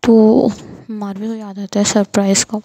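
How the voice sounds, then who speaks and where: Chatty young woman telling a story, gravelly. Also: mid-range voice, level tone, normal speed, warm tone, poor audio. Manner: chatty, many fillers like "matlab". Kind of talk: casual story narration with quoted dialogue.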